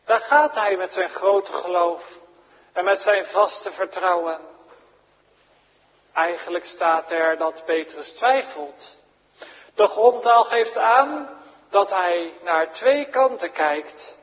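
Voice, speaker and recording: A man preaching a sermon as pastor, solemn and slow, with repeated phrases. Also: high voice. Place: church. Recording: dull lo-fi recording, long church reverb.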